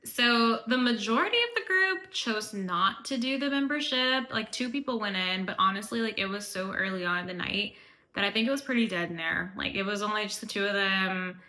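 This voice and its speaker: Chatty woman travel vlogger with a crisp, bright voice, casual recap. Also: mid-range voice, brisk. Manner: chatty, fills speech with "like".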